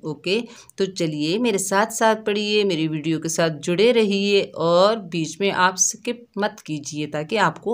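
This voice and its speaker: A woman teaching children to read Quranic letters, speaking patiently and sounding out each syllable slowly. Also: fairly low pitch. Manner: drawn-out syllable drills, spelling each letter then sounding it; patient, addresses listeners as dear children. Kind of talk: slow, careful recitation lesson for children.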